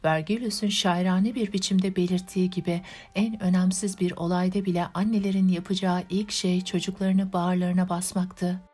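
A woman narrating a classic novel as an audiobook, in an even, measured reading. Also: lowish voice, slightly rough.

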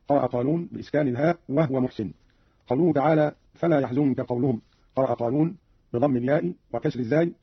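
A man's voice: mid-range voice, husky, dry recording, dull audio. A man giving a formal, precise scripted explanation of scripture readings, from an archival radio recording. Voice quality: precise, even, formal delivery.

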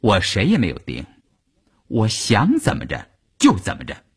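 A man voicing a proud, fiercely loyal young wife who talks back defiantly, with a husky voice. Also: on the low side, wildly swooping pitch, moderate pace, heavily acted. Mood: cold. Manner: defiant shouting.

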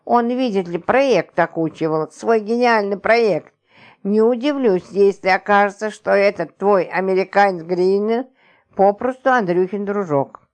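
A woman reading an audiobook, voicing a brash, coarse, scornful middle-aged wife with mocking, shrill scolding. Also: normal speed, a little mellow, natural voice.

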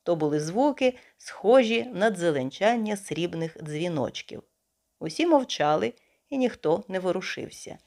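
A woman reads a detective novel aloud with expressive, storytelling flair. Her voice is lowish for a woman yet rises and falls widely, shaping each scene as the narration moves on. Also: a little slow. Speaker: audiobook narrator. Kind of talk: scripted literary narration.

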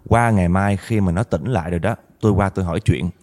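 Man voicing a calm old exorcist. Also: low-pitched, quick pace, in a large hall, lightly acted. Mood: instructing. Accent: Southern Vietnamese. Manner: calm, reassuring instructions. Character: calm older male exorcist.

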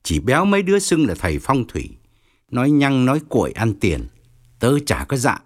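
A man voicing a dismissive male deputy minister in an audiobook, pitched lower. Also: wildly swooping pitch, normal speed. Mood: scoffing. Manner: dismissive, scoffing. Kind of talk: audiobook reading.

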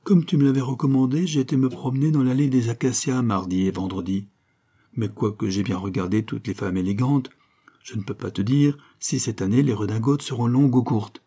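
A man's voice: mid-range voice, steady tone, brisk, warm tone, husky. A man voicing a patient, reasonable middle-aged father. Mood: reasoning. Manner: reasonable, patient, lightly teasing. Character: middle-aged male industrialist and deputy, conciliatory.

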